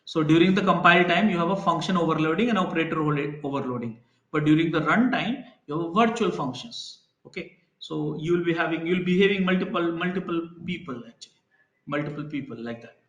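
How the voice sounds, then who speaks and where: A man's voice: fairly high pitch, quick pace, a bit bright, echoey room, muffled recording. A man teaching a live programming class, explaining concepts with everyday examples and checking in with students. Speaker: programming instructor. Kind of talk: live online class lecture.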